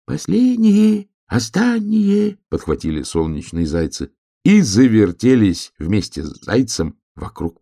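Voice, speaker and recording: Lively low-voiced male storyteller. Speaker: narrator. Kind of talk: storybook reading.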